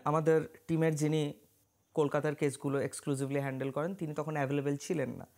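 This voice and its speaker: A man from West Bengal, India, working as a paranormal investigator and astrologer, telling a true ghost story in a measured, dramatic monologue that mixes in English words. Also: a little high, a little mellow.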